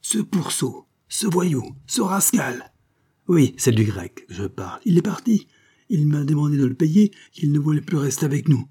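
Man reading panicky furious gambler, shrill and loud, ranting, barking, husky edge. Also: sing-song, moderate pace.

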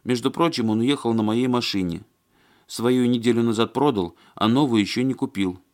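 A man's voice: mid-range voice, normal speed, voice pushed up, natural voice. A man reading an audiobook and voicing a fussy, flustered woman who chatters and complains in a plaintive, agitated way. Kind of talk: audiobook character voice.

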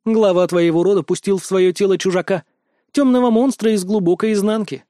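A man's voice: high-pitched, steady tone, a little fast, mellow, no echo, clean studio sound, voice pushed up, natural voice. A man voicing a sly silver fox goddess. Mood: knowing.

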